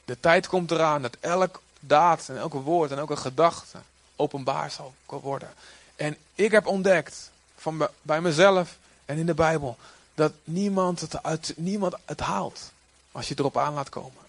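A man preaching a sermon in a lively way, sometimes acting out quoted figures in a raised voice. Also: fairly high pitch, a little slow, few pauses, dry recording.

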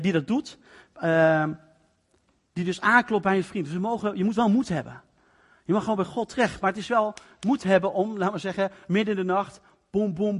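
A male preacher giving a sermon in a conversational, explanatory way, acting out the parts of the story. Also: high voice. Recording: long reverb of a large hall.

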